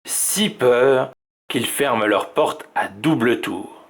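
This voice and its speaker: A man from a library reading a children's picture book aloud, slow and suspenseful. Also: mid-range voice, lively intonation, background noise. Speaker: library storyteller.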